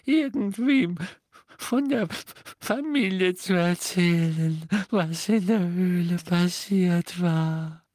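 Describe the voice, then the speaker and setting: A woman voicing a guilt-ridden, servile old male house-elf who speaks slowly and in anguish, referring to himself in the third person. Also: on the low side, darkish tone, no echo. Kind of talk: audiobook character voicing.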